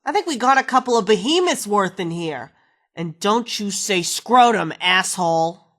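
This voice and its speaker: A woman's voice: mid-range voice, lively intonation, normal speed, a bit bright. An actress playing a wisecracking, foul-mouthed woman companion in a video game, sarcastic and slangy. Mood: sardonic.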